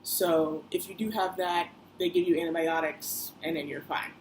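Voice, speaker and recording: This young woman's voice sits on the low side, keeping a steady tone at a moderate pace. She's doing a casual personal vlog, rambling and chatty with plenty of fillers and asides. Faint background noise runs under the rough recording.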